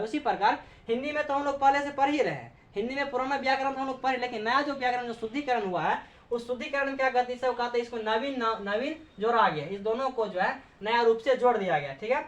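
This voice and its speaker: A woman teaching a class, asking questions and answering them herself, repeating points and checking in with frequent okays. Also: fairly high pitch. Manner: frequent "okay" checks with students. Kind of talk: classroom lecture. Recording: echoey room, dull lo-fi sound.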